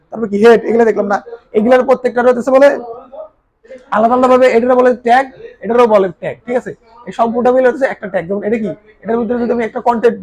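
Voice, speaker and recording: High-pitched guy teaching a class, asks questions then answers them himself. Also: a little mellow. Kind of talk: recorded class lecture.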